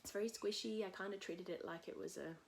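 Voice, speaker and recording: A woman hosting a casual knitting podcast from home, a little husky from a cold, chatting in a rambling way with many fillers. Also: medium pitch, steady tone, fast talker, a little hiss or hum. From England. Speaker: podcast host. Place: at home in a tiny house. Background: cockatoos calling outside.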